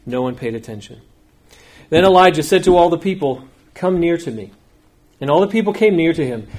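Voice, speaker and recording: Pastor reading scripture, measured and dramatic. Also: male voice, a little high, a little mellow. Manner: measured, dramatic reading with slow emphatic phrases. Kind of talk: scripture reading then sermon.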